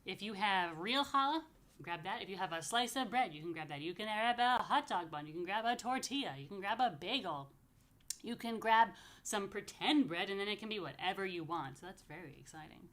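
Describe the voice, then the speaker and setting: A mid-range, slightly bright female voice belongs to a woman rabbi doing an easygoing story time for young kids in an apartment. She repeats simple explanations and drifts into chatty, playful asides, keeping the religious talk child-friendly and including blessings.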